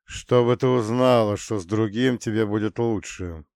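A man voicing a cold, menacing male spirit of death, speaking slowly and ominously in a storybook. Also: on the low side, vocal fry, a little mellow, smooth, no room sound, clean studio sound.

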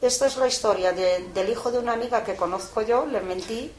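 An older woman being interviewed, telling a story in a casual, lively way with lots of fillers. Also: a little high, fairly quick. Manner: colloquial, lively retelling with frequent fillers. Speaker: interviewee, mother of a prisoner. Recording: echoey room, faint background noise.

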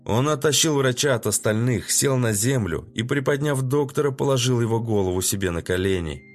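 A man's voice: medium pitch, animated, fairly quick, soft background music. Man narrating an audiobook steadily.

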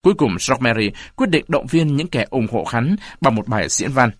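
A man narrating a story aloud in an expressive reading style. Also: medium pitch, brisk, breathy edge, no echo. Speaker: audiobook narrator.

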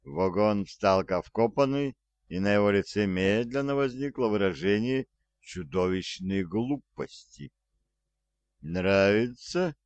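A man narrating an audiobook in a slow, measured reading. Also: fairly low pitch, a little mellow, no room sound.

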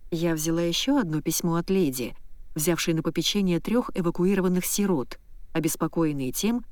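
A woman narrating an audiobook in the first person, in a wry, lively storytelling manner. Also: on the low side, normal speed, no room sound.

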